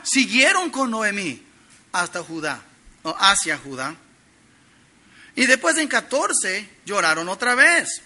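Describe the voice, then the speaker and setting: High, piercing-voiced middle-aged preacher man. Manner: earnest teaching, swings between loud emphasis and soft drops. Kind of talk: expository sermon.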